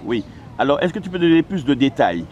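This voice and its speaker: In a city park, a man hosts a casual outdoor interview, introducing his guest and asking questions in a friendly but halting way with frequent "euh" fillers. His voice is on the high side, very animated and a little mellow, though the recording is muffled, with faint birds and traffic in the background.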